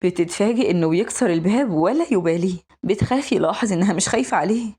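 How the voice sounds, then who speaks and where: A woman with an Egyptian Arabic accent, briskly narrating a drama recap. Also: mid-range voice, animated, dark tone, breathy edge.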